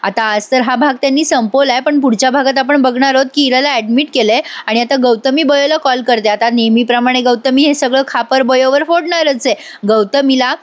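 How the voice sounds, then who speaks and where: A woman's voice: high-pitched, brisk, hardly any pauses. A woman giving a casual voice-over review of a TV serial episode, chatting and talking straight to her viewers. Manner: chatty, addresses viewers directly.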